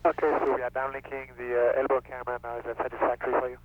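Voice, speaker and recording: A man from Switzerland speaking as an astronaut in orbit over a crackly space-to-ground radio link, brisk and matter-of-fact. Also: mid-range voice, monotone. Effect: crackly space-to-ground radio transmission. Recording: narrow tinny radio link.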